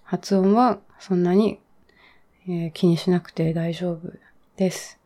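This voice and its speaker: A woman in her thirties with a slightly low, mellow voice, talking on her own in an easy, unhurried way. She muses aloud, drifts into fillers and soft asides, and comes back to her point. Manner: relaxed and reflective, with many fillers and trailing asides. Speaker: podcast host giving English learning advice. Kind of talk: casual monologue.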